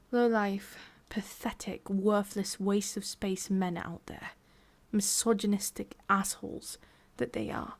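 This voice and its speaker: A woman with an English accent takes on the role of a condescending, sadistic female demon boss in ASMR, her deliberate delivery alternating soft voice and whisper. She speaks in a mid-range voice, sounding scornful and disappointed.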